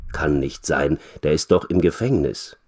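A man reading the part of a calm, serious male private detective in a storybook for learners. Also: extremely low pitch, normal speed, husky, full character voice.

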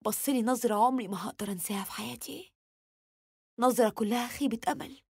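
A woman's voice: on the high side, fast talker, creaky, slightly rough, no echo, clean studio sound. A woman with an Egyptian accent telling a dramatic first-person story in an emotional, confessional way.

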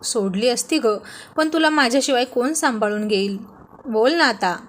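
A woman's voice: on the high side, lively intonation, moderate pace, slight background noise, natural voice. A woman voicing a teasing, bossy young husband who mocks his wife playfully. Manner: mocking, playful taunts.

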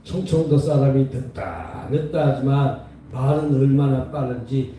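A man's voice: medium pitch, steady tone, unhurried, warm tone, slight background noise. A man preaching a revival sermon as pastor, with call-and-response and repeated phrases. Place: prayer retreat center hall. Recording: echoey hall, voice from far off.

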